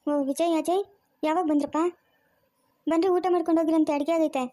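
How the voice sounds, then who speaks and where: A woman's voice: very high voice, steady tone, a little fast, no room sound, studio quality. An actress in a family web drama playing a kindly housewife who coaxes her young relatives to stay. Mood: coaxing. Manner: soft, coaxing and hospitable.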